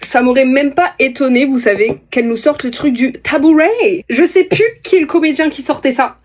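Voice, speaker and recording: A young woman from northern France telling a funny story to camera in a lively, amused way. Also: sits high, moderate pace. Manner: lively, amused, animated delivery. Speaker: content creator.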